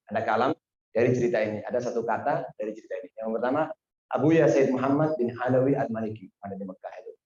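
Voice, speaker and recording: Man preaching in a roomy, dull recording. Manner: animated, acts out dialogue with sudden high exclamations. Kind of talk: sermon storytelling.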